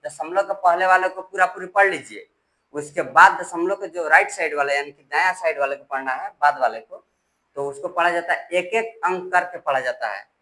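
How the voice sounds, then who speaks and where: Male math tutor, bright slightly high voice, patient and repetitive, spells out numbers digit by digit. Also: normal speed, poor audio. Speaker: math teacher. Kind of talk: step-by-step classroom explanation.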